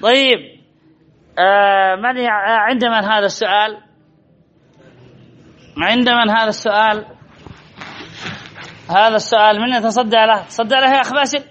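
High-voiced man quizzing a grammar class. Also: steady tone, moderate pace, pauses often, fairly bright tone, highs cut off. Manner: quizzing, repeats key phrases. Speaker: Arabic grammar teacher. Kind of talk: classroom lesson with questions to students.

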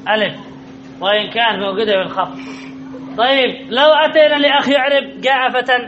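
A man with a strikingly high voice leads a classroom grammar lesson, firing questions at his students and then repeating the answers several times. The recording is dull and lo-fi, with a faint hum of background noise. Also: steady tone, brisk, a bit bright. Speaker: Arabic grammar teacher.

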